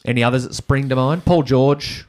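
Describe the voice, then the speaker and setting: A man's voice: medium pitch, normal speed. A man with an Australian accent hosting a sports podcast in a casual, slangy, matey way.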